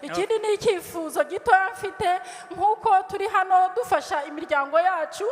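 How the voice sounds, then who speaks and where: A woman's voice: extremely high pitch, brisk. A woman from the audience earnestly putting her family's case and a request to the president. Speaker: audience member asking a question. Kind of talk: public question at a town hall. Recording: echoey hall.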